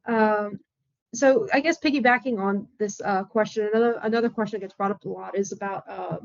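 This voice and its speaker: Woman interviewer, mid-pitched, friendly and hesitant, dull lo-fi call sound. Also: fairly quick, creaky, no echo. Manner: friendly, agreeable, hesitant with fillers. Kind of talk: casual interview questions.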